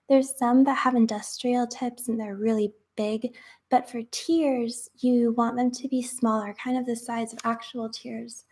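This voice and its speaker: A woman's voice: a little high, darkish tone. A young woman chatting casually while making crafts, rambling with lots of fillers and sometimes dropping to a whisper.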